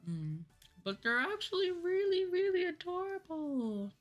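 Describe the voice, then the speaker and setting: The recording is muffled as a young adult woman VTuber chats on stream, background music running underneath. Her voice is very high-pitched and very animated, just a little slow, and she muses hesitantly in reply to chat, sounding sore and tired from talking all day.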